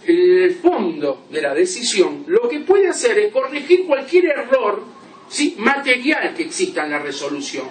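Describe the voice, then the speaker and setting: A man's voice: sits high, slight background noise. A male law lecturer, giving a classroom lecture and checking in with "¿sí?" as he explains through examples. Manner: explains with examples, asks "¿sí?" often. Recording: roomy classroom from a distance.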